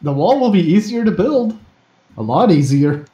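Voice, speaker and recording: A man's voice: sits high, very animated, normal speed, warm tone. A man co-hosting a live stream in casual chat, blunt and wisecracking, heard over an internet call whose connection keeps cutting out. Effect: breaking-up internet call connection. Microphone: remote voice call. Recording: echoey, dull call audio.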